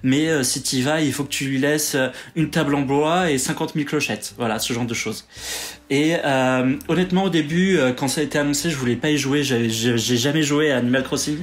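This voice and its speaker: A man's voice: mid-range voice, a little fast. A man hosting a podcast, chatting casually over a remote call, full of fillers and restarts. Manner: chatty, many fillers and self-corrections. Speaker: podcast host. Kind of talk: casual chat.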